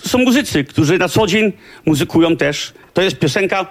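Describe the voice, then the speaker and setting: A man speaking onstage at a concert in an informal, chatty way, with a slightly husky voice. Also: sits high, lively intonation, brisk. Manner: informal, chatty, warm toward colleagues. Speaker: musician hosting a concert. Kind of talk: onstage concert talk to the audience. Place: concert stage before an audience.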